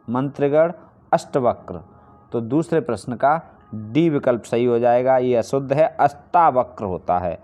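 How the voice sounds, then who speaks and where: A man's voice: medium pitch, a little mellow. A man teaching a Hindi spelling lesson, explaining each answer step by step and posing questions he then answers himself. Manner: repeats key points for emphasis. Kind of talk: online exam-prep lesson.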